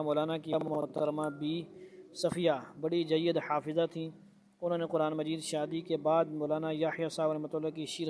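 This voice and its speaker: A man's voice: a little high, darkish tone. Man, religious lesson, reads then explains, level delivery, light background noise. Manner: reads a passage, then asks rhetorical questions and explains. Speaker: religious teacher. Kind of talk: reading a religious book aloud with commentary.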